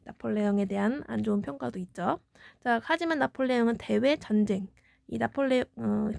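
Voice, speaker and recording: A woman's voice: fairly high pitch, vocal fry, darkish tone, no room sound, clean studio sound. A woman teaching a middle school history exam review, explaining step by step and answering her own questions. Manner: explanatory, poses questions then answers them.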